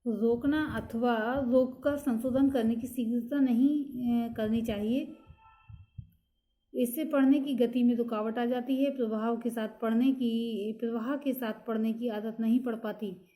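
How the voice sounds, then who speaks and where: A woman gives a lesson, working through her notes point by point in a steady, explanatory delivery. Her voice sits somewhat high yet sounds warm and mellow, and she fills the pauses between points with small hesitations. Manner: steady explanatory delivery with frequent fillers and "next point" cues. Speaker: teacher. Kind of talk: lecture reading from notes.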